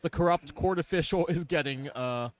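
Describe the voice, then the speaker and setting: A man's voice: fairly high pitch, normal speed, no room sound. A man commentating a card game in casual chat, wry and self-deprecating, talking through each play.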